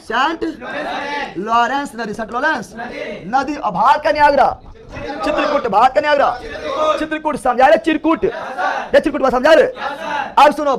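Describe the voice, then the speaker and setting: A very high-pitched man runs a lively classroom drill, repeating each question over and over and ribbing the students. A crowd of pupils fills the room behind him and answers in chorus. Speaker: teacher. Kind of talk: classroom lecture with call-and-response drilling.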